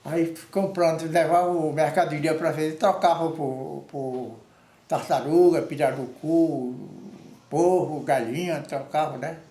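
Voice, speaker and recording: A man's voice: fairly high pitch, fairly even intonation, measured pace, mellow. An older man with an Amazonian Brazilian accent tells stories informally, rambling and repeating words, often tagging phrases with a short question. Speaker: storyteller. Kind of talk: informal oral storytelling. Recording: echoey room.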